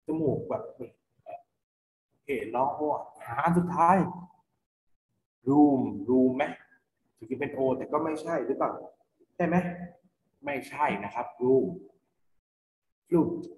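Thai-accented male teacher, slow and patient phonics lesson, roomy reverb. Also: medium pitch, darkish tone. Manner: patient, spells words letter by letter, asks and answers own questions. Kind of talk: online English phonics lesson for children. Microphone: computer mic for online class. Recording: echoey, reverberant room.

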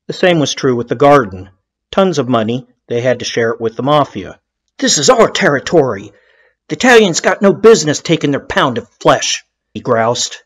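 A man's voice: mid-range voice, dry recording. A man narrating a true-crime documentary in a conversational, opinionated way, with blunt emphasis.

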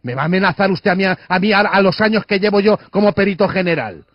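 A man puts on a condescending insurance adjuster from a radio prank, with a Spanish accent from Spain. He is rude and interrupts in a slightly high voice over a dull landline phone. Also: expressive, quick pace, dry recording. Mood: indignant, insulting. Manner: interrupting, accusatory, pompous.

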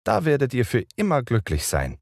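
A man's voice: mid-range voice, huge pitch swings, fairly quick, no echo, clean studio sound, pitched above the performer's own voice. A man voicing Peter, a cocky, bossy boy, in a raised boyish voice in an audiobook. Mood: scornful.

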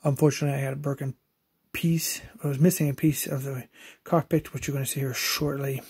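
A man's voice: medium pitch, steady tone, quick pace, darkish tone, husky. Casual man narrating a toy unboxing. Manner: conversational, explains step by step with fillers. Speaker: toy collector reviewer.

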